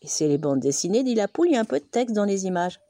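A woman voicing a fretful female hen who muses aloud, with a lively voice raised higher and drawn out. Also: very fast, no room sound, studio quality. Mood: probing.

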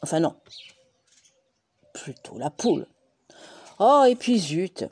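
Fretful storybook hen, played by a woman: lively, mellow, musing. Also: lowish voice, slow, breathy edge, no echo, exaggerated voice. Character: fretful pondering hen, female adult.

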